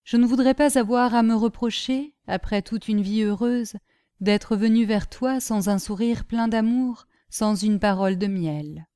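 A woman reads a literary letter aloud with mellow warmth, her delivery measured and grave, lingering on each phrase with deep feeling. The recording is close and dry. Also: clean tone, no room sound. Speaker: reader. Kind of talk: audiobook reading of a literary letter.

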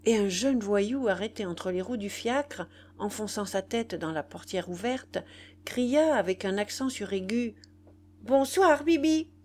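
A woman narrating a literary novel as an audiobook, in a measured, expressive reading. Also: mid-range voice. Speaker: audiobook reader.

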